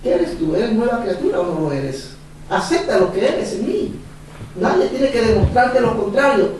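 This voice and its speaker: A man's voice: high voice, lively intonation, normal speed, a little mellow, a little hiss or hum. A man voicing God, who firmly questions and reassures a preacher. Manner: firm, questioning. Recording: echoey church from far off.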